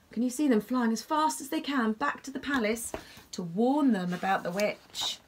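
A woman reads a bedtime story to young children in an expressive, animated way. She gasps at the exciting parts and keeps stopping to ask little listeners what they can see in the pictures. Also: fairly high pitch, a little hiss or hum. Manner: expressive, gasping, asks the listener questions about the pictures.

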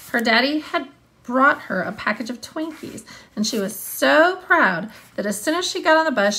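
Leading a read-along lesson, a thirtysomething elementary teacher speaks in a slightly high voice that sounds pushed and bright. She reads aloud, explains, and quizzes students, putting stress on key words.

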